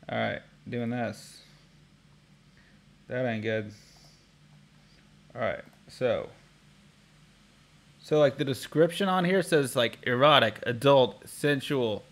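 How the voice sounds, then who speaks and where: A man vlogging casually, thinking aloud while testing software, rambling with restarts. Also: medium pitch. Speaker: tech vlogger.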